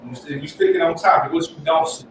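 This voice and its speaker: Man, high-pitched, emphatic Bible class teacher, rhetorical questions, far from the mic, very echoey room. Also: fast talker. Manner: emphatic, repeats points, asks rhetorical questions. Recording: echoey room, distant mic, faint noise.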